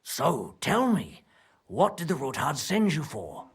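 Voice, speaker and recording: A male actor playing a wary, gruff medieval stableman in a video game, grudgingly helpful, with blunt, folksy rustic phrasing. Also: a little high, wildly swooping pitch, slow pace, full character voice. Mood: wary, softening.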